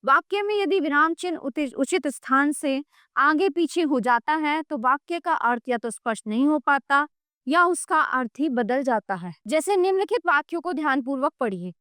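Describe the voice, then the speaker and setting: Woman teacher explaining grammar to kids, pretty high voice, very dry sound, patient. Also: expressive, normal speed, sharp tone, no room sound. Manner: patient, explanatory, says "ठीक है" often. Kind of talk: grammar lesson for children.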